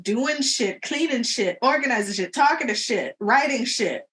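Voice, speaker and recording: A woman's voice: a little high, lively intonation, normal speed, a bit bright. A woman co-hosting a podcast, chatting casually and candidly, swearing freely. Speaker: podcast co-host. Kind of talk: casual chat.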